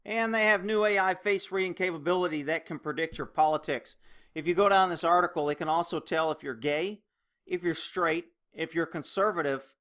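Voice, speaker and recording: A man's voice: fairly high pitch, a little fast, fairly bright tone. A man delivering an opinionated news commentary rant as a host, sarcastic, exasperated and indignant. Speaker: host of a political commentary show.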